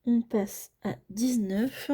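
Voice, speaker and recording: Speaking slowly in a husky, dark-toned voice that sits on the high side, a woman chats casually at home while filling cash envelopes. Her intonation stays fairly even as this budgeting vlogger narrates each little task, apologizes often to her viewers, and sometimes sinks to a near-whisper.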